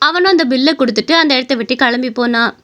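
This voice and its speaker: A woman narrating an animated story in a brisk storytelling manner. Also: high voice, no room sound.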